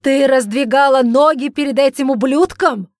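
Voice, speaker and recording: A woman voicing a stern, furious middle-aged father who accuses and shouts at his daughter in an audiobook. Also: medium pitch, steady tone, normal speed, no room sound, studio quality, natural voice. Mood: shouting.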